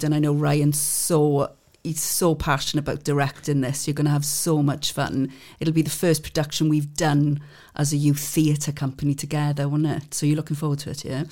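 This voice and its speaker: A woman's voice: deep voice, a little mellow. A woman, a youth theatre tutor chatting with and coaxing young members in a casual interview.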